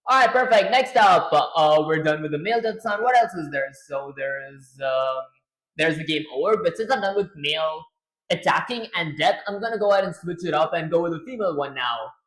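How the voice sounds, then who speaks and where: A man streaming his game development mutters casually to himself, speaking fairly quickly in a higher-than-average voice. He sounds lightheaded and his throat is strained, and the audio quality is poor.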